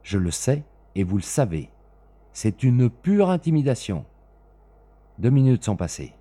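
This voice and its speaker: A man's voice: mid-range voice, sing-song, measured pace, mellow, slightly rough, pitched above the performer's own voice. A man voicing a stern, implacable man who gives curt, menacing orders in a storybook reading.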